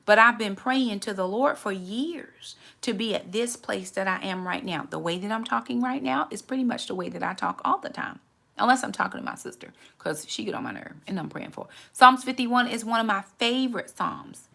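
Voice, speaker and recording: Earnest woman in her forties with a gravelly edge. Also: mid-range voice, fairly quick, sharp tone. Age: 40s. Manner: earnest, candid, repeats words while gathering thoughts. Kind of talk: reflective faith talk.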